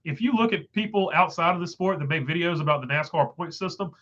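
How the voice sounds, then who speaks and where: Talking fast in a slightly high, somewhat bright voice, a livestream host reads his chat aloud with many fillers. He's stuffed up and his voice is going, and the recording has its top end cut off.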